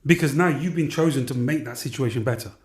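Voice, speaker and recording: A man, an aid worker, explaining his work in an interview in a practical, steady way. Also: medium pitch, fast. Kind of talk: interview reflection.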